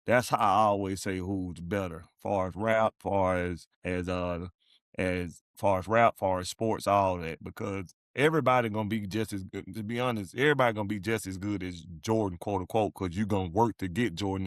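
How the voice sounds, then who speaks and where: Low-voiced guy on a podcast, blunt and cuts in, dry sound. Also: steady tone, fairly quick, no echo. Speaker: podcast co-host. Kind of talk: casual chat.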